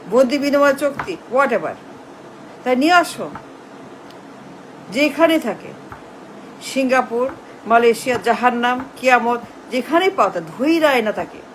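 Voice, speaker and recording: A woman delivers a political rant straight to camera, hammering the same accusing question again and again in a scornful tone. Her voice sits high and she speaks slowly, leaning on each phrase. A faint air-conditioner hum runs underneath. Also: rough recording. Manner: emphatic, repetitive rhetorical questioning. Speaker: political commentator.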